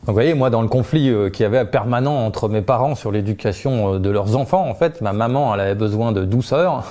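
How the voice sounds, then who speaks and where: Mellow-voiced man explaining steps casually. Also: lowish voice, brisk. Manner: informal, uses tu, many fillers and restarts, laughs lightly. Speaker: communication trainer. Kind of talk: spontaneous explanatory talk.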